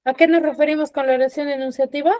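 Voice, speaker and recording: A woman's voice: sits high, fairly even intonation, darkish tone, no room sound. Patient woman teacher checking in constantly. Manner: explains patiently, tags sentences with quick checking questions; reads example sentences with acted feeling. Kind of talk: online class lesson. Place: online class from home.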